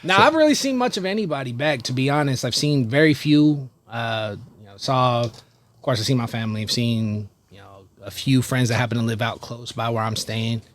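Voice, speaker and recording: A man's voice: mid-range voice, fairly quick. A man from Brooklyn, a podcast guest, chatting casually, laughing often and swearing freely. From Brooklyn, New York. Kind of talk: casual chat.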